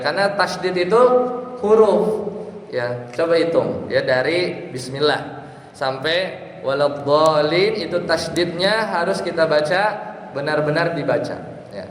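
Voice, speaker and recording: Man, religious lecture, patient explaining, fairly high voice, roomy echo. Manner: explains patiently, chants Quran verses as examples. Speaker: ustadz teaching Islamic law. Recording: echoey hall, long reverb.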